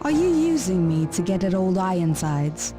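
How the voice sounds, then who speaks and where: Neela, a silky lilting tigress constable. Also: female voice, lowish voice, sing-song, normal speed, loud music behind the voice. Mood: flirtatious. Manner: silky, teasing, poised. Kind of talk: cartoon video game acting.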